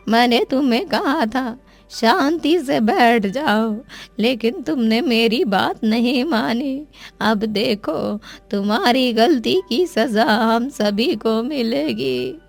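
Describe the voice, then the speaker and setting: A woman voicing a frightened old woman in a cartoon who mutters slow, trembling warnings of doom. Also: high voice, vocal fry, soft background music, voice pushed up, exaggerated voice. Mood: doom-laden.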